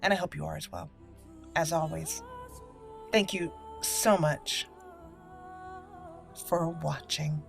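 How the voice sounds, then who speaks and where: Her voice is low, gravelly and steady, and she moves at a slow pace with frequent pauses. She's a gaming channel host doing a let's play, casually chatting and reasoning aloud while game music plays.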